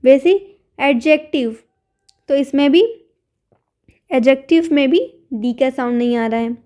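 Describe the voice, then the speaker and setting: A woman's voice: high-pitched, a little slow, dark tone. A woman teacher explaining English words and grammar in Hindi, patiently repeating each word and then giving its meaning.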